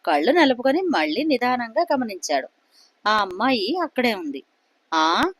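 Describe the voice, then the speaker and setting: A woman telling a story aloud, narrating and voicing each character in turn with expressive shifts. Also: a little high, moderate pace, dry recording.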